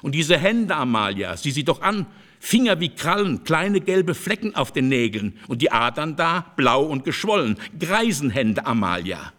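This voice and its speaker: A bitter aging seducer, read by a man, declaims with grim insistence. His voice swings widely in pitch and sits a little high for a man. The delivery suits a literary audiobook. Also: sing-song, moderate pace, a bit bright. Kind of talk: audiobook character reading.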